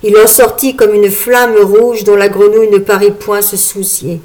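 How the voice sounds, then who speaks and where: A woman narrating a storybook in a measured, even storytelling manner. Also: medium pitch. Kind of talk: storybook reading.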